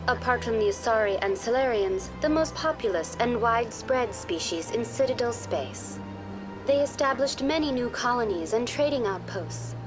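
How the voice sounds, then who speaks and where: Avina, high-voiced virtual tour guide played by a woman. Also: close to an everyday voice. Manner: formal, polite, measured, impersonal. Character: courteous female virtual intelligence tour guide on a space station. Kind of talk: scripted informational game dialogue.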